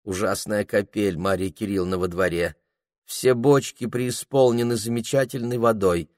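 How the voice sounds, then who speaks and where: A man's voice: fairly low pitch, fairly even intonation, moderate pace, darkish tone, no echo, clean studio sound, natural voice. A man reading aloud, voicing a lovesick young shop clerk who pleads in flowery words and breaks into shrieks. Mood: fawning.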